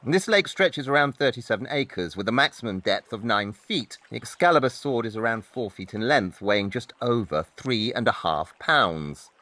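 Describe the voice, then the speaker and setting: An actor playing Sherlock Holmes in an audio drama, a coolly logical, blunt detective who speaks precisely with deadpan, condescending wit. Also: male voice, medium pitch, moderate pace, few pauses, no room sound. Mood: analytical.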